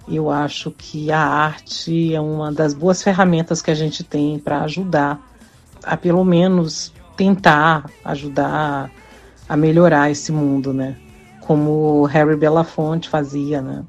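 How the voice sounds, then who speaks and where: Low, husky-voiced Brazilian woman singer. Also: little pitch movement, slow pace, highs cut off, faint music behind. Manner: earnest, frequent tag questions. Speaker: interviewed singer. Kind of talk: interview soundbite.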